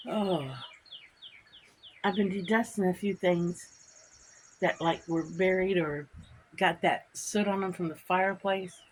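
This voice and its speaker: Slow and steady with long pauses, this lowish-voiced woman hosts a vlog outside amid birdsong and insects, nasal from allergies. She chats in a rambling, repetitive way over a slight hiss or hum.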